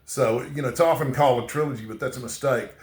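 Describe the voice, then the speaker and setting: Talking to camera, this Texan-tinged booktuber wanders from point to point, halting and restarting, with "okay?" cropping up again and again. His voice is medium in pitch and a little mellow, with reverb in the room.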